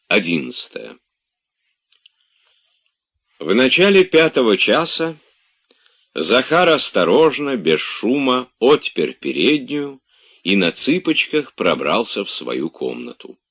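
A man narrating a classic novel as an audiobook in a measured, expressive storytelling voice. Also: medium pitch.

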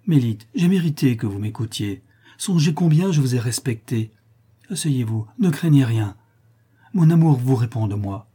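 A man voicing an ardent young gentleman who speaks in a fervent, imploring way. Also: medium pitch, animated, normal speed, breathy edge.

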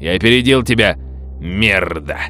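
A man's voice: sits low, expressive, normal speed, pushed and bright, faint music behind. A man voicing a hostile old man who snarls and grates at a stranger. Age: older. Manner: snarling, grating.

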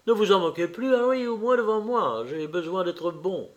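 A man's voice: high voice, expressive, moderate pace, lo-fi sound, pitched above the performer's own voice. A man reading an audiobook voices an earnest, impulsive young man who speaks with heightened emotion.

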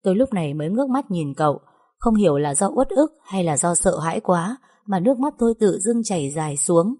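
A young woman narrating a story in the first person, lively and chatty. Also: on the low side, a little fast.

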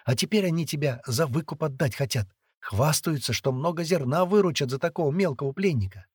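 A man reading aloud and voicing a spirited, bossy little girl who chatters in hushed, urgent tones. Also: fairly high pitch, brisk, breathy edge, no echo, clean studio sound, voice pushed up. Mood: chattering.

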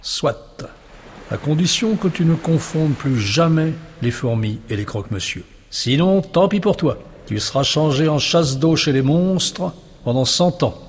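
A man's voice: a little high, animated, slightly rough, pitched above the performer's own voice, full character voice. A man doing a teasing little nightmare creature. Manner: teasing, playful, drawn-out words. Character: small cheeky nightmare creature, crawling, moon-coloured, male. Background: music.

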